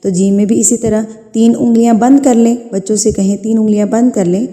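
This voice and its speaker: A woman teaching a beginner's alphabet lesson to parents and teachers, calling out each letter in a long, drawn-out voice between plain explanations. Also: a little high, steady tone, dark tone, in a large hall. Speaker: Quran teacher.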